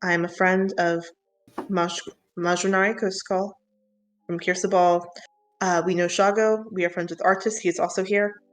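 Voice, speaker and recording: A woman playing a calm, soothing male adventurer. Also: fairly low pitch, moderate pace, faint music behind, lightly acted. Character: earnest male adventurer calming a captive.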